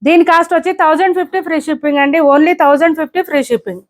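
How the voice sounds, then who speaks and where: Brisk high-voiced woman selling sarees. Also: fairly even intonation. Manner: brisk, repetitive price callouts. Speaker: saree seller. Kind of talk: online sales showcase.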